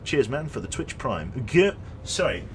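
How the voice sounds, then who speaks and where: Medium-pitched with big swings in pitch, this young streamer keeps a measured pace as he chats idly while gaming, reading out viewer messages and cracking jokes. A slight hiss or hum sits in the recording.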